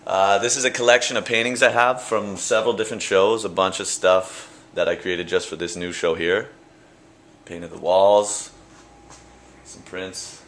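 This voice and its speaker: A young man from Canada talking casually about his paintings at his gallery show, relaxed and rambling, with fillers and restarts. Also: low voice, a little slow. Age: young adult. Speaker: painter interviewed at his exhibit. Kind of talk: casual interview answers. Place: art gallery indoors. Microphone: handheld camera close by. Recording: echoey gallery room.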